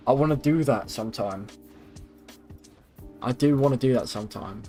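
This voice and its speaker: A man's voice: medium pitch, normal speed, warm tone. A young man chatting casually and rambling, with some swearing, as he streams a game on a microphone at his PC. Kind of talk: casual livestream gaming chat. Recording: music behind the voice. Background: music.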